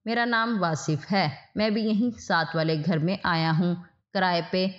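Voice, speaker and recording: A woman voicing a kind young male lawyer in a spoken story, with gentle, reassuring lines. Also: on the low side, fairly even intonation, lightly acted. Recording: dull lo-fi audio.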